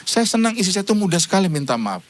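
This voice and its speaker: A man preaching a light-hearted sermon, his voice pitched a touch high for a man and swinging widely as he tells stories. He acts out both sides of a conversation with his wife and chuckles as he goes. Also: sing-song, quick pace. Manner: storytelling, acting out dialogue with his wife; chuckles often between points. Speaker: pastor. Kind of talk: humorous sermon. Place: church service.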